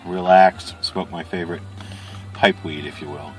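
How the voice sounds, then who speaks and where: Low-voiced man in a casual video chat. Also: steady tone, normal speed, darkish tone, faint music behind, poor audio. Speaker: pipe-smoking video reviewer. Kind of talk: casual chat product review.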